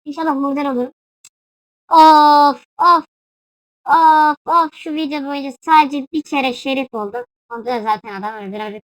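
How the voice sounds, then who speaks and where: A woman's voice: high voice, steady tone, fast, few pauses, dry recording. A young woman casually commentating her own gameplay, playful and chatty, breaking into shrieks and yelps when startled. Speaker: gaming YouTuber.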